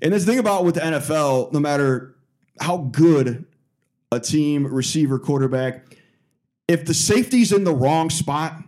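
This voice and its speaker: A man's voice: a little high, lively intonation, moderate pace, a little mellow. A man co-hosting a sports podcast, talking in a loose, rambling way with lots of fillers. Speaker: podcast co-host. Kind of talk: casual sports chat.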